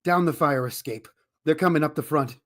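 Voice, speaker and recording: A woman playing a fast-talking, wisecracking man who calls his girlfriend "chicken" in a radio comedy. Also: sits low, a bit bright. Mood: scheming. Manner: smooth, fast-talking, slangy. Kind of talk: amateur radio drama reading.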